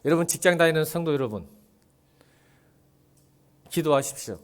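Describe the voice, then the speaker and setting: A man preaching a sermon as pastor, asking the congregation rhetorical questions and swinging between soft, low lines and loud ones. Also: expressive, moderate pace.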